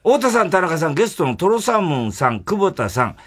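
A man's voice: a little high, big pitch swings, fast, a bit bright, husky. A man hosting a radio show, teasing his guests with needling questions in comedy banter. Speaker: radio host.

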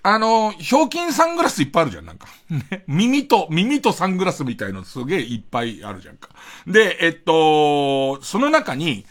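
A man's voice: fairly high pitch, wildly swooping pitch, a little fast, a bit bright. A middle-aged man hosting a late-night radio monologue, rambling in a self-mocking way with chuckling asides, on a close studio mic. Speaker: radio host.

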